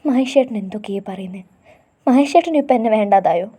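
A woman voicing a tearful young woman in love, soft and pleading. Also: a little high, lively intonation, brisk, breathy edge.

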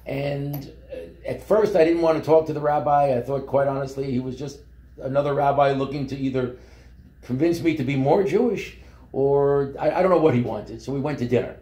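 A man, telling his life story in a relaxed, rambling way with many fillers and restarts. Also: medium pitch, fairly quick, echoey room. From Brooklyn, New York. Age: 70s. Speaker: company founder. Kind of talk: interview storytelling. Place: office meeting room.

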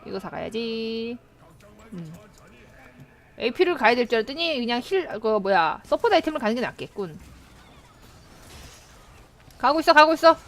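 A young woman streaming a game live, chatting with her teammates, excitable, and given to shrieks and laughter when startled. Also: on the high side, moderate pace, long pauses. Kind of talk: live gameplay commentary.

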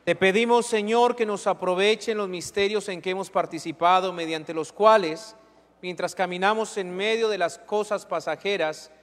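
High-pitched priest doing mass announcements, big echoey church, far-off camera. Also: male voice. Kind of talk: leading Mass and giving announcements. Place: large church sanctuary. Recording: long church reverb.

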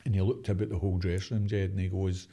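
A Glaswegian man in his sixties tells his stories with a fairly low, mellow voice. He is animated and acts out what others said. He breaks into laughs often. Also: fast, breathy edge. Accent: Glaswegian Scottish. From Glasgow, Scotland. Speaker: interview guest, former footballer. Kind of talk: casual storytelling interview.

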